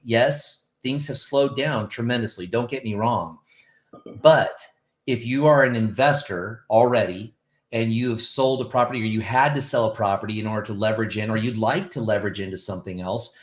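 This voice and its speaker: A middle-aged man, a real estate agent, hosting an interview in an upbeat, rambling way with many fillers. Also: lowish voice. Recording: roomy echo.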